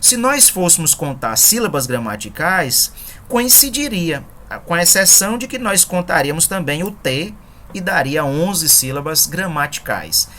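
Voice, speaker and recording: A woman with a low voice explains poetic meter in an online lesson. She is patient and methodical and counts syllables aloud one by one, over a faint background hiss. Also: lively intonation, unhurried, bright, forceful tone. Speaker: poetry teacher.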